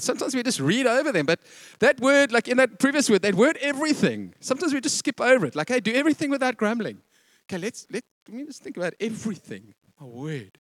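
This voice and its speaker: Lively high-voiced pastor preaching. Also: male voice, no echo. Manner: animated, acts out quotes, laughs often. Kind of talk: sermon.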